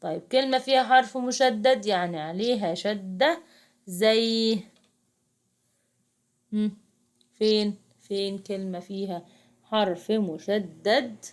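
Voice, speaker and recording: A woman's voice: medium pitch, slow, long pauses. A young woman with an Egyptian accent works through a lesson with second graders. She talks casually and coaxingly, often breaking off and restarting, and calls her pupils in to look along with her. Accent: Egyptian Arabic. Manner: chatty, coaxing, addresses pupils directly, frequent restarts. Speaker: private tutor teaching second graders. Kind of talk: casual classroom explanation.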